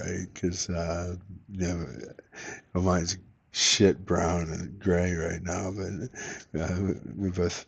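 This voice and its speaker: A man's voice: deep voice, vocal fry, darkish tone, husky, dull audio. A middle-aged man telling a rambling personal story, profane and meandering with many fillers. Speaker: vlogger.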